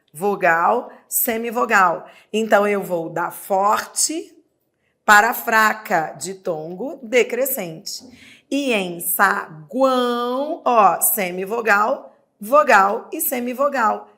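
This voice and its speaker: Slow, syllable-stretching woman teacher. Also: mid-range voice, gravelly, fairly bright tone. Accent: Brazilian Portuguese. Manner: drawn-out syllables, sounding out words aloud. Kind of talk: exam prep lesson.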